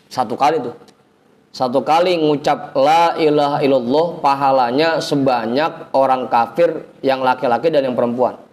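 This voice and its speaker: A man teaching an informal religious lesson, chanting Arabic phrases slowly, then explaining in a chatty, teasing way. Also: medium pitch, darkish tone. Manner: chatty, teasing the audience, colloquial asides. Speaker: ustadz teaching a religious study circle.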